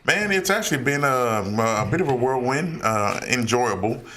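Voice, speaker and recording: A man's voice: medium pitch, lively intonation, moderate pace, pushed and bright, slight background noise. A man who works as a realtor, talking with a podcast host in a laid-back way and often calling people "man". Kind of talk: casual chat.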